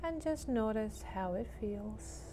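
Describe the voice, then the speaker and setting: A woman leading a guided meditation in a soothing, gentle manner, leaving long pauses between short phrases. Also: medium pitch, lively intonation, background noise.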